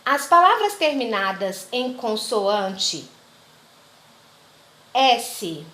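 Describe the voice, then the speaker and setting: A woman teaching a grammar lesson for children, her voice sitting high. She takes her time, speaking slowly and drawing out each example word. She checks in with the class again and again. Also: very animated, bright, forceful tone. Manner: patient, repeats examples slowly, asks "ok?" often.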